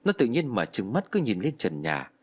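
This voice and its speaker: A man narrating a first-person ghost story in a lively, dramatic storytelling manner. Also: fairly low pitch, moderate pace, breathy edge.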